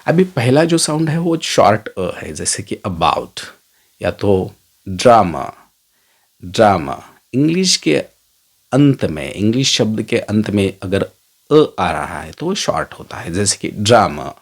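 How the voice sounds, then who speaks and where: A middle-aged man teaching a phonetics lesson, drawing out each vowel sound slowly as he models it. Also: lowish voice. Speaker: English teacher.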